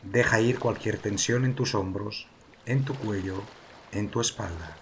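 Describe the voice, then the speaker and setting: A man with a fairly low voice guides a meditation, calm and soothing, pausing between slow phrases. Faint, gentle sea waves and water ambience sound behind him, along with slight background noise.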